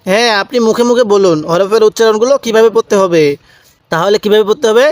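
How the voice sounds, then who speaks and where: A man teaching Quran reading, drawing out each syllable slowly, repeating sounds and asking the viewer to say them back. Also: high-pitched, no room sound. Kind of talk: slow, patient recitation lesson.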